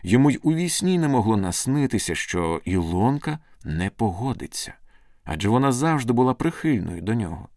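A man narrating a storybook in a scripted, expressive, dramatic reading. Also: mid-range voice, brisk, dry recording, clean studio sound.

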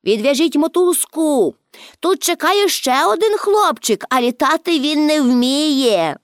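A woman's voice: sits high, very animated, a little slow, no echo, studio quality. Woman voicing a cheerful fearless little girl. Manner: bright, carefree exclamations.

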